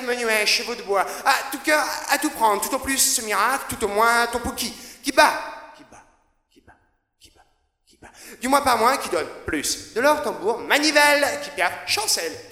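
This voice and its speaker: A man's voice: very high voice, animated, unhurried, sharp tone. A man performing rhythmic spoken-word poetry in a chanted, incantatory delivery, with a repeating refrain that often drops to a whisper. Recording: reverberant with a long hall echo.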